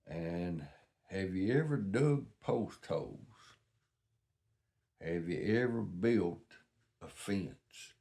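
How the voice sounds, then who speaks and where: A man's voice: sits low, expressive, very slow, gravelly, long pauses, dark tone. An older man with a Southern US accent, telling rambling stories in a casual, folksy, plain-spoken way. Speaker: vlogger.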